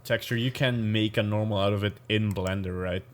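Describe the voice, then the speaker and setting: Low-voiced Belgian man, easygoing podcast chat. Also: fairly even intonation, fairly quick. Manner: easygoing, laughs often, hesitant with fillers. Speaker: podcast co-host. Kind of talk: casual chat.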